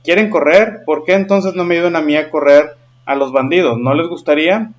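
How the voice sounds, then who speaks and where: A man's voice: fairly high pitch, fairly quick, close to an everyday voice. A man reading the lines of a friendly adult night watchman who is recruiting children, in a slightly dull recording. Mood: inviting.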